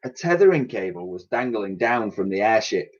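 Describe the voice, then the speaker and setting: A man, a primary school teacher, reading a children's story aloud in a lively way and acting out the sound effects, in a dull, lo-fi recording. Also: lowish voice, normal speed.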